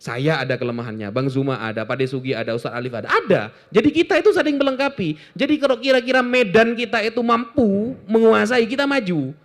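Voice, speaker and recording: A man from Indonesia, talking informally to an audience in a joking, animated way with lots of asides. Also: high voice, quick pace. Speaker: Islamic apologetics speaker.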